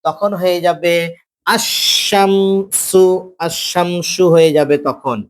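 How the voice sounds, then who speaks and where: During a classroom lecture on Arabic grammar, a high-voiced male teacher goes over his points again and again, urging students to listen. He stretches out his examples with slow, drawn-out pronunciation.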